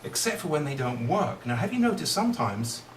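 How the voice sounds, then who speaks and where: A middle-aged man performs as a kids' party magician, his slightly high voice swinging widely in pitch and moving a little fast. His playful patter draws the young audience along with questions, captured by a distant mic in a roomy space with faint noise.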